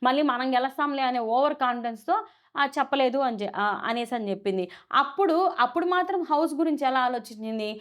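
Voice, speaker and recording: Brief: woman vlogger, slightly high voice, chatty animated show recap. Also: fast. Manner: chatty, animated retelling with many fillers and restarts. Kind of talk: casual commentary.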